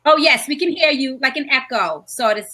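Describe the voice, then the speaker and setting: A woman from New York co-hosting a casual live video chat, talking in quick restarts while dealing with a shaky connection. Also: high-pitched, lively intonation, pushed and bright. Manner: chatty, restarts often, coping with connection trouble. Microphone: video call.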